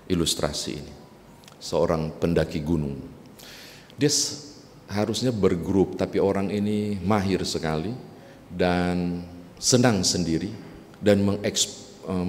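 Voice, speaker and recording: A man's voice: low-pitched, a little slow, pauses often, a little mellow. A male pastor preaching a sermon in a conversational storytelling way, addressing the congregation directly. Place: church sanctuary. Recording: reverberant church with faint hiss.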